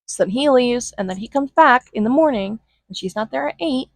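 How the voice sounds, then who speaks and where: A young woman recapping a movie in casual, flippant commentary, acting out lines in quick put-on voices. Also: a little high, expressive, vocal fry, no room sound, poor audio. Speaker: movie reviewer.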